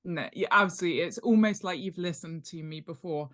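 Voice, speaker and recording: As the guest expert on a casual podcast interview, a woman who writes books and specializes in world-building chats in a jokey, emphatic way. Her voice sits on the low side and she talks a little fast.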